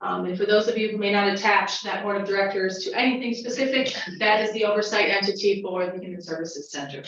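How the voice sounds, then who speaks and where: A woman who is a county official, giving a measured report at a formal board meeting with many pauses and fillers. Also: mid-range voice, a bit bright, a little hiss or hum. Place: county legislature meeting room. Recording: dull, echoey chamber audio from a distant mic.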